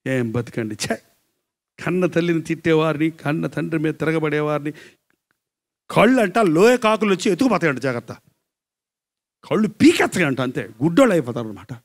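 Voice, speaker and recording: A male pastor with a high-pitched voice preaches a live sermon, rising to loud cries and then dropping to a hushed, gentle voice. He keeps asking the listeners questions, and at times he drifts away from the microphone. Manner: swings between loud exclamation and hushed tenderness; asks the congregation questions. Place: church hall with congregation.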